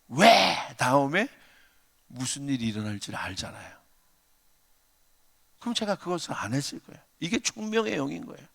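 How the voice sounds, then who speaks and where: Gravelly, bright-voiced man preaching. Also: on the high side. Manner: emphatic preaching with repeated hallelujahs and storytelling. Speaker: pastor. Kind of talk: revival sermon. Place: church sanctuary. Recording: long church hall reverb.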